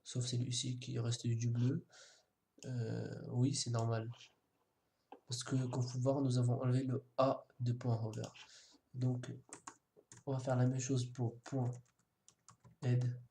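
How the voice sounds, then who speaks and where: Mellow-voiced man casually explaining code. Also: medium pitch, little pitch movement, slow pace, gravelly, pauses often, slight background noise. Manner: casual, hesitant, many fillers and restarts; jokes self-mockingly. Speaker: web coding tutor. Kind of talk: screen-recorded coding tutorial. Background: keyboard typing and mouse clicks.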